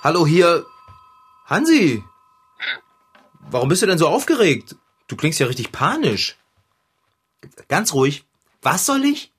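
An actor playing a good-natured, harried man who lives with a talking cat, in a children's audio play; chatty and easily puzzled, with a husky voice. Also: fairly high pitch, wildly swooping pitch, measured pace, pauses often, fairly bright tone, exaggerated voice. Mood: puzzled, phone call.

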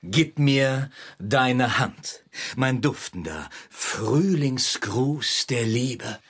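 An actor playing a villainous bicycle wrecker in a children's audio play, melting into syrupy romantic endearments. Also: male voice, mid-range voice, expressive, extremely slow, fairly bright tone, breathy edge, heavily acted. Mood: lovestruck. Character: villainous rust-beam bike wrecker, lovestruck man.

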